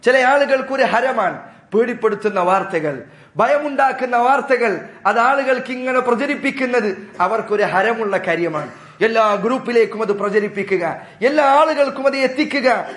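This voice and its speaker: A man's voice: very high-pitched, expressive, moderate pace, a bit bright, roomy sound. A male Islamic preacher giving an earnest, admonishing sermon and addressing his listeners as brothers.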